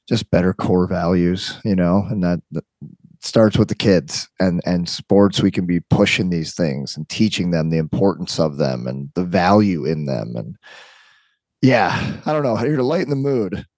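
A man's voice: low voice, lively intonation, moderate pace, a little mellow, no echo. A man co-hosting a podcast and working as a trainer, talking in a laid-back, slangy, upbeat way. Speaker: podcast co-host and athletic trainer. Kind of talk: casual chat.

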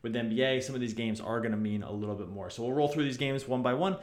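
A man's voice: medium pitch, fast. A man hosting a casual sports podcast, talking in a rambling, repetitive way, recorded with a big roomy echo. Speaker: podcast host. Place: echoey room. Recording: echoey, roomy makeshift podcast setup.

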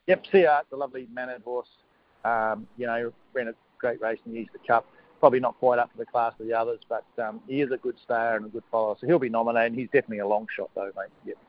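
A man giving a casual radio interview as a horse trainer, hesitant, matey and low-key. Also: fairly even intonation, fast talker, dry recording. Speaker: harness racing horse trainer, interview guest. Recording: narrow, lo-fi phone-like line.

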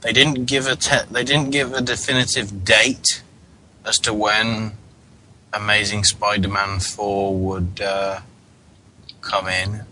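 Man, radio co-host, wry and chatty, somewhat low voice, faint background noise. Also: level tone, sharp tone, rough recording. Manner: chatty, wry, quick to joke. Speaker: podcast co-host. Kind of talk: casual chat.

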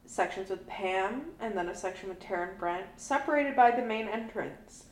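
A woman co-hosting a podcast, giving animated, laughing commentary on a movie in casual chat. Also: medium pitch, normal speed. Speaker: podcast co-host. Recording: roomy room sound.

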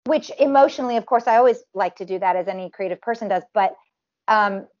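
Quick-paced and mid-range, this woman's nasal voice has a darkish tone, though the recording itself sounds dull. As a tribute performer guest in a relaxed interview, she speaks in long runs riddled with fillers and restarts.

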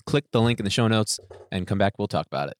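A man's voice: fairly low pitch, expressive, fast talker, very noisy. A man hosting a music podcast, steering the talk in an easygoing, joking way. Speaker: podcast host. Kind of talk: casual podcast chat.

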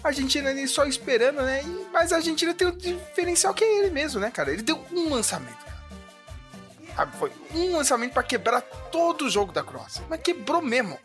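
A woman's voice: high voice, big pitch swings, brisk. A Brazilian woman in casual, slangy, emphatic sports chat as a podcast panelist. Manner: colloquial, emphatic. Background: music.

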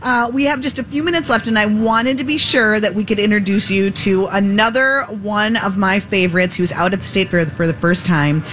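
Woman, radio co-host, loud projecting delivery, live interview, clearly noisy fair broadcast. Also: medium pitch, normal speed, hardly any pauses. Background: loud fairground ambience.

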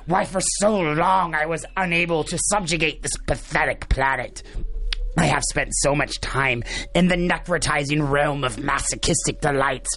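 A man's voice: a little high, pushed and bright. A man playing a vain, grandiose demon in an audio comedy drama, speaking in a pompous, theatrical way.

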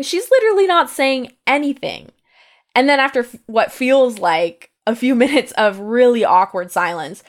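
A young adult woman from the United States tells a personal story from her teenage years, acting out the quoted lines with lively energy. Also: on the high side. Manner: lively, animated retelling with acted-out quotes.

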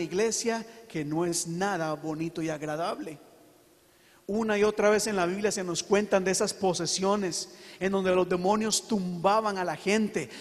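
A man preaching a sermon to his congregation, earnest and emphatic, with slow dramatic pauses. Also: high-pitched, long reverb tail. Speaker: pastor.

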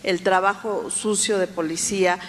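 A female reporter asking a measured, probing question in a played news clip. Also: medium pitch, steady tone, long reverb tail, slight background noise. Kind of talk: press question.

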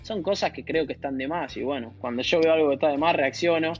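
A man's voice: fairly high pitch, fast, dull audio, soft background music. A man with an Argentine Spanish accent, a tennis player telling a story in a casual interview, with hesitant restarts. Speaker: guest, professional tennis player.

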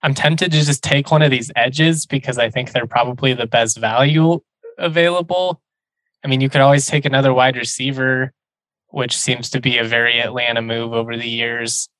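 A man's voice: mid-range voice, steady tone, moderate pace, fairly bright tone, dry recording, low-quality recording. A man hosting a sports podcast, talking informally and chattily, slipping into conversational ad reads.

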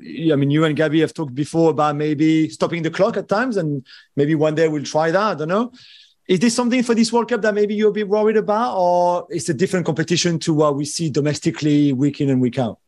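A man's voice: on the high side, fairly quick, darkish tone. A man putting questions in a discussion, conversational and wordy, thinking aloud. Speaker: interview panel questioner.

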